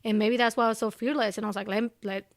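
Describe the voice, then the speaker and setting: A young woman from Ecuador with a Spanish accent talks animatedly as an interview guest, peppering her English with "you know" and "like". Her voice sits fairly high, and the sound is close and dry with little room around it. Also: steady tone, racing, creaky, dry recording. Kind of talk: casual interview conversation.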